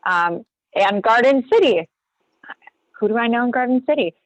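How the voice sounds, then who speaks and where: A woman co-hosting an online real estate training, chatting casually as she walks through a screen-share tutorial with quick apologetic asides. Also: on the high side, animated, dry recording. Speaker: real estate agent and co-host. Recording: dull, dry lo-fi video call.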